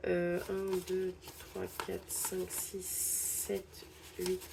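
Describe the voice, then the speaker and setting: Very slow and monotone, this young woman's lowish, gravelly voice carries the congestion of a head cold. She's a budgeting channel host casually narrating and hesitantly tallying bills out loud. There's background noise throughout.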